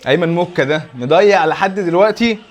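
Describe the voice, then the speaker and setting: A man with an Egyptian accent fires off a live football reaction at breakneck speed. His voice sits high, and he keeps pressing the same urgings over and over in an exasperated running commentary. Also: quick pace. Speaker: football fan reacting to a match.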